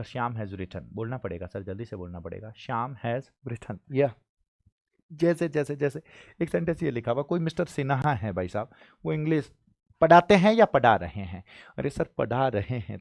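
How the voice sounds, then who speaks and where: A man from India teaching an exam-prep English lesson, pressing students with quick questions and spelling out example sentences slowly. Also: fairly low pitch, dry recording, clean studio sound. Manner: urges students to repeat sentences, drills with rapid questions.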